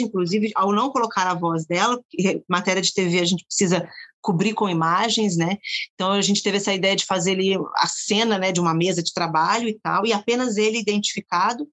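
A woman TV reporter with a Brazilian accent, explaining her editing choices in a measured way. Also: medium pitch, fairly bright tone. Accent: Brazilian Portuguese.

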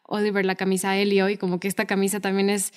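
A woman's voice: medium pitch, completely flat delivery, quick pace, a little mellow, smooth. A woman co-hosting a podcast, chatting casually and retelling film scenes with many fillers. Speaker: podcast co-host.

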